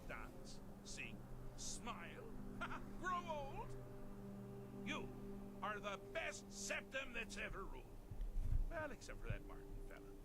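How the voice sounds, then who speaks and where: Capricious game deity of madness, high, wildly varied pitch, theatrical and mocking; audible noise. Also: male voice, wildly swooping pitch, slow, exaggerated voice. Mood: indignant, flamboyant. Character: manic, whimsical male god of madness. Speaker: game character.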